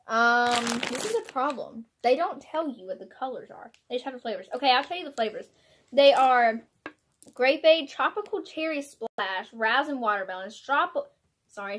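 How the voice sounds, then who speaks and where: Young female vlogger, bubbly and giggly, slightly high voice, casual taste-test chat. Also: fairly bright tone, a little hiss or hum. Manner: bubbly, giggly, exclaims and laughs often.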